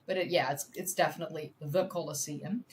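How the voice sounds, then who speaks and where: A woman's voice: low-pitched, fairly even intonation, brisk, a little hiss or hum. A woman from the Netherlands, a native Dutch speaker, chatting on a live stream while she works through a history quiz. She thinks aloud, laughs often and pokes fun at herself. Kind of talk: casual live-stream chat.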